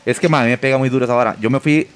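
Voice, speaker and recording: A middle-aged Costa Rican man in casual podcast chat, explaining himself in slangy, halting phrases that often repeat. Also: mid-range voice, steady tone, clear, resonant tone. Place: outdoors.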